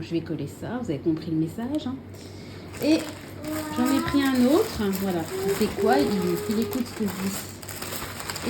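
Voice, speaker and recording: A woman's voice: medium pitch, noisy background. A woman chatting casually to camera as a vlogger, showing her purchases at home, full of fillers and self-corrections.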